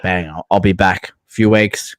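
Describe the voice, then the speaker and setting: Low-voiced Kiwi man, blokey podcast banter. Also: fairly even intonation, measured pace, no echo, clean studio sound. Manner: blokey, slangy, sweary. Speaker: podcast host. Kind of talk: casual sports podcast banter.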